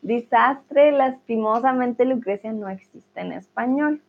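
Slow, patient woman teaching Spanish. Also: on the high side. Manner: patient, reassuring, drills conjugations aloud. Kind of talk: live online grammar lesson. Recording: slightly dull lo-fi sound.

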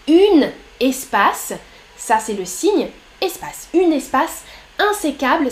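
A woman teacher with a high voice hosts a live language lesson. She reads out her viewers' messages one by one and corrects their punctuation in an upbeat, encouraging way. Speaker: French teacher streaming live. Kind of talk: live-streamed language lesson reading chat.

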